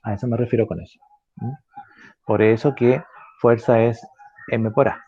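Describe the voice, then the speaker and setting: A man's voice: medium pitch, steady tone, highs cut off. A man teaching an online physics lesson, explaining step by step with frequent fillers and tag questions to check the class follows. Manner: halting, with frequent fillers and self-corrections.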